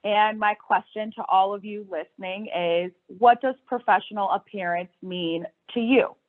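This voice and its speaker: A young woman, an employment lawyer, presenting a webinar agenda in a clear, organized way. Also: mid-range voice, moderate pace. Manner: clear, organized, steady delivery. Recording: tinny phone-like line.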